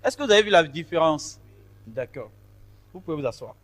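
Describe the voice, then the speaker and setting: High-voiced man leading a vocal lesson. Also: big pitch swings, a little fast, a bit bright. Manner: counts in and calls out sung vowels to a group; patient, repetitive explanations. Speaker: voice teacher.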